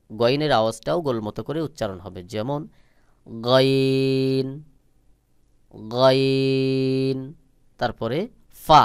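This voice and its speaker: A man's voice: mid-range voice, clean tone, no room sound, studio quality. A man teaching Quran letter pronunciation, patiently repeating and stretching out each sound. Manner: patient, instructive. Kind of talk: slow step-by-step pronunciation lesson.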